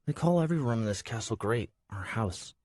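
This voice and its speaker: A man's voice: mid-range voice, animated, a little fast, darkish tone, dry recording, clean studio sound, voice pushed up, close to an everyday voice. A man voicing a shy, moody young woman who sometimes breaks into song, speaking timidly in an audiobook. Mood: glum. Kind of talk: audiobook character voice.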